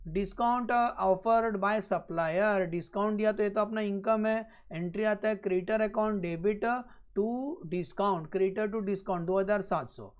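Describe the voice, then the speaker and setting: A man teaching an accounting class, repeating each point slowly and often checking that students follow, with blunt joking asides. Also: high voice, fairly even intonation, clear, resonant tone. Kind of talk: classroom lecture.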